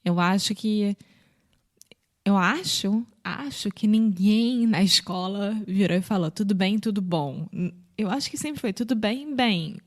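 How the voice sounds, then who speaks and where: On the language podcast she co-hosts, a Brazilian woman with a Rio de Janeiro accent teaches Portuguese greetings in a casual, unhurried chat. She explains patiently and acts out examples, her pitch jumping brightly.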